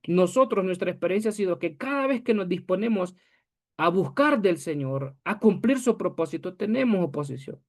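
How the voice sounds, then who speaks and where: A man with a notably high voice leads his congregation through a church history lesson. He is earnest and direct, speaking to them as beloved brethren. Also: lively intonation, normal speed. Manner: earnest, addresses listeners as beloved brethren, acts out quoted voices. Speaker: pastor.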